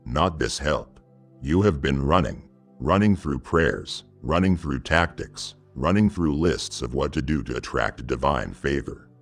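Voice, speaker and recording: A man giving scripted devotional narration in the voice of God, solemn and measured, speaking intimately to the listener. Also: extremely low pitch, creaky.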